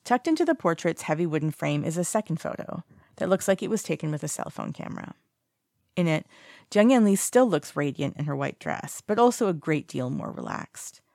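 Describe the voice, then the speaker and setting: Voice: mid-range voice, vocal fry, a little mellow, no echo, clean studio sound. A narrator reading fan fiction aloud in a casual way, with small slips and self-corrections.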